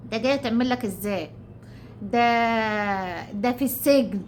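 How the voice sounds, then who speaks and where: A woman's voice: high voice, fairly bright tone, slight background noise. A middle-aged Egyptian woman talking casually to her viewers, indignant and rambling, repeating her phrases. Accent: Egyptian Arabic. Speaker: YouTuber. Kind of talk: casual talk to camera.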